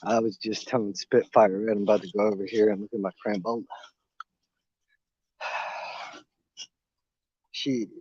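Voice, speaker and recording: A man in his thirties with a fairly low, husky voice speaks at a measured pace with long pauses. He hosts a gardening channel and rambles in a relaxed way on a phone live stream while walking his home garden outdoors, chewing fruit as he talks. The handheld phone gives dull, lo-fi, dry audio with no echo.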